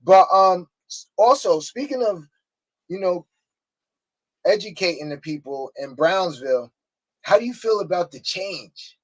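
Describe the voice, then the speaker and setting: High-voiced man asking rambling questions. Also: lively intonation, measured pace, pauses often. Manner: rambling questions with many fillers. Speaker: co-host. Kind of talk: casual interview talk.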